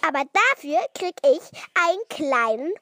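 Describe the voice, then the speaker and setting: A woman's voice: high-pitched, big pitch swings, a little slow, pushed and bright, dry recording, voice pushed up, heavily acted. A woman voicing a playful big brother in a spoken children's story. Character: joking older brother of a young girl.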